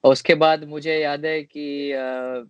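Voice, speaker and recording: Male cricketer in his 20s, interview guest, halting delivery with fillers, dry lo-fi recording. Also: fairly high pitch, flat delivery, smooth, no room sound. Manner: hesitant, many fillers and restarts. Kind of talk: casual interview answers.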